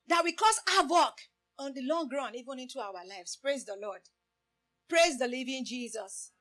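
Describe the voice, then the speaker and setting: A woman's voice: high-pitched, a bit bright. A woman preaching a sermon in English, which is not her first language. She keeps saying "praise the Lord" and asks her listeners rhetorical questions. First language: a language other than English.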